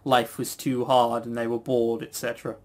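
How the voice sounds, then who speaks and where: A man with a mid-range voice, level tone and normal speed hosts a podcast, casually chatting about games and reviewing visual novels with a sarcastic, mock-grumbling manner.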